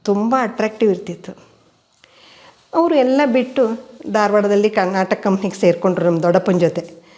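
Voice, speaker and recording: A woman's voice: mid-range voice, moderate pace, pauses often. An older woman, telling family stories at home as an interviewee. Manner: steady storyteller who voices quoted people. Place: indoors at home.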